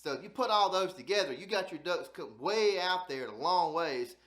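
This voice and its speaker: A man's voice: high voice, lively intonation, moderate pace, a bit bright, reverberant. A man with a Southern Alabama accent gives a casual, folksy instructional talk, repeating phrases for emphasis as he hosts. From South Alabama, United States. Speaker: host of a duck hunting channel.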